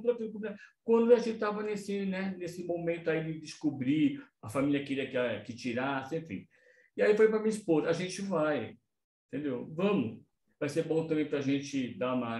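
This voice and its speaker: A Brazilian man telling a personal story in an online meeting, acting out the dialogue with big swings in his voice. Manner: animated, acts out dialogue with big pitch jumps. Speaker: meeting participant, entrepreneur. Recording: echoey room.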